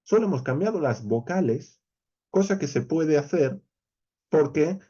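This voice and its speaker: A man's voice: fairly high pitch, lively intonation, a little slow, mellow, breathy edge, lo-fi sound. A man with a Spain Spanish accent teaching a verse-by-verse Bible study lesson, explaining animatedly and speaking straight to his viewers.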